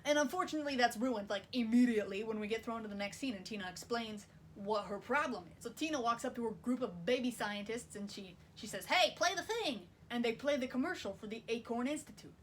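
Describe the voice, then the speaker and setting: Sarcastic woman narrating a film recap, slightly high voice. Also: brisk, a little hiss or hum. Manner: wry, sarcastic, casual swearing. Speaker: video essayist.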